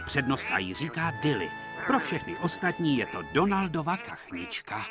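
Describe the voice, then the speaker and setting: A man narrating a dubbed children's series in a gentle, expressive storytelling manner. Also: on the high side. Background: music.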